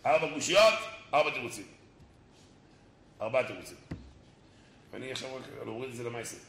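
A man giving a Torah sermon, animated, acting out dialogue and mimicking people. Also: medium pitch. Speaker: rabbi. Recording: echoey room, faint noise.

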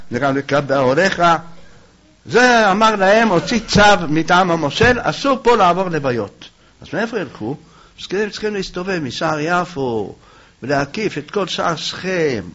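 A man with a high voice preaches to a congregation, telling a folk story in a lively way and acting out the shouting voices in it. The recording sounds dull and lo-fi. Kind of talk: folk-tale sermon and candle auction.

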